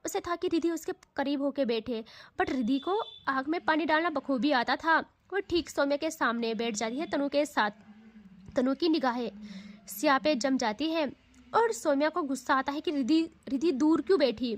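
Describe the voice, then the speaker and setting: A woman's voice: high voice, normal speed. A woman narrating an audio love story close to the mic, dramatic and chatty with casual asides.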